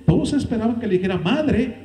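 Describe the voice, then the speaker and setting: A man preaching a sermon as pastor, with dramatic swings in pitch and loudness. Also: measured pace, reverberant, soft background music, rough recording. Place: church.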